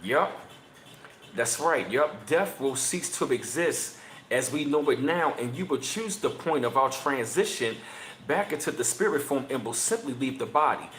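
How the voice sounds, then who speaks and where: A man in his thirties hosting a casual livestream, chatting with viewers in slangy talk and reading passages aloud, his voice jumping high whenever he gets emphatic. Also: normal speed, echoey room, slight background noise. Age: 30s. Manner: excitable, voice jumps high when emphatic, slangy. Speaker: channel host.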